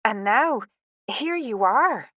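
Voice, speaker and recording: A woman's voice: a little high, animated, slow, sharp tone, no echo, lo-fi sound, pitched above the performer's own voice, exaggerated voice. Woman reading as an earnest young mother.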